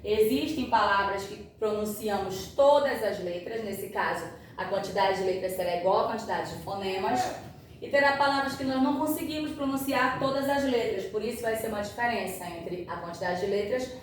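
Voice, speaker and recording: A woman of medium pitch speaks in a steady tone at a moderate pace during a grammar lesson. She's patient and regularly confirms that her students are following, though the audio is echoey, distant, and faintly noisy.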